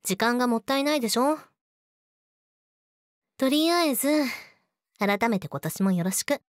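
Woman acting a sweet, eerily obsessive girlfriend, lively pitch. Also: normal speed, no echo, studio quality, close to an everyday voice. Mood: teasing, menacing. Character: sweet, possessive, jealous young yandere girlfriend. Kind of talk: Japanese situation voice audio drama, addressed to the listener.

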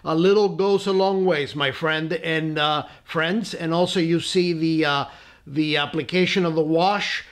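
A man hosting a casual scale-model painting tutorial at his workbench, relaxed and full of "uh" fillers and friendly asides. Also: a little high, a little slow, clean tone. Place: tabletop workbench indoors.

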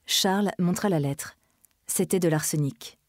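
Low-voiced woman reading a novel. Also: no room sound, clean studio sound. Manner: measured, dramatic narration. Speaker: reader. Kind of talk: literary reading.

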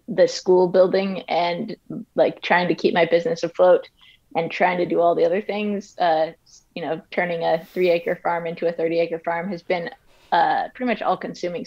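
A woman's voice: fairly low pitch, steady tone, normal speed, darkish tone. Rambling woman woodworker on dull audio. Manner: rambling, frequent fillers and restarts. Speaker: woodworker and guest. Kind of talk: casual interview chat. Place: home office and wood shop.

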